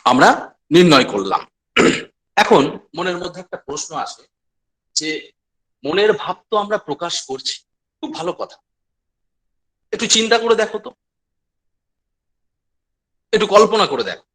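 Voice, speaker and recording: A man from West Bengal giving a lecture to students, repeating key phrases and speaking to them directly in a measured, explanatory way. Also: high voice, a bit bright. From West Bengal, India. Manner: measured explanatory delivery with pauses. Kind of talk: online lecture.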